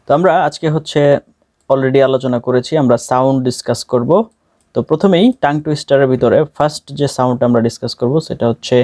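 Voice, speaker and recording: A man's voice: medium pitch, warm tone, no room sound, studio quality. A man with a Bangladeshi accent teaching an English speaking lesson, explaining step by step and repeating key words for stress. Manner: reads practice lines very slowly and carefully. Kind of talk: spoken language lesson.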